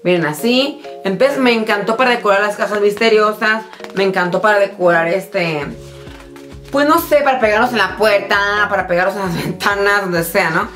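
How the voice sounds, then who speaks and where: A woman doing a casual shopping-haul vlog, chatty and excitable, talking straight to her viewers while tired. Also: medium pitch, moderate pace, soft background music. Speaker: vlogger showing a shopping haul. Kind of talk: casual chatty product show-and-tell.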